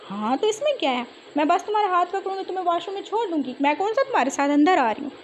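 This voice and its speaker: A talkative young woman, bossy and teasing, with a high bright pitch; a woman acts her in her own voice. Light noise hums behind the storybook telling. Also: sing-song, rapid-fire, dull audio. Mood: soothing.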